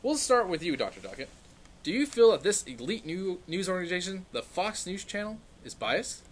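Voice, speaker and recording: Man acting as parody news anchor, smug, mock-earnest, high voice, lively intonation, scripted satire. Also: a little fast, slight background noise. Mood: smugly authoritative.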